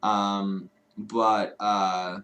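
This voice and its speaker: A Chicago man co-hosts a livestream from his home streaming studio, chatting casually in a rambling, profane way and laughing often. His voice is fairly low and a bit bright, with little pitch movement and drawn-out words.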